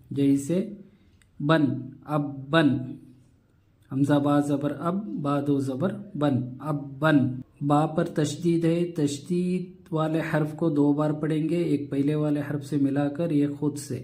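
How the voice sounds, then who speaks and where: Slow-paced man teaching recitation. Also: on the high side, fairly even intonation, warm tone. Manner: drawn-out syllables with nasal humming on doubled letters; patient, repeats rules step by step. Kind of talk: slow spelled-out recitation lesson.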